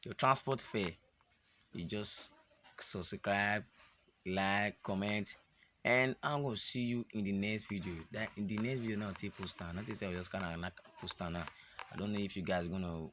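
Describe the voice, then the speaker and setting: A man's voice: on the low side, fairly even intonation, moderate pace, bright, forceful tone, a little hiss or hum. A young Nigerian man chatting casually to his vlog audience, joking and rambling, slipping into pidgin. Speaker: vlogger. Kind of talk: casual chat to camera.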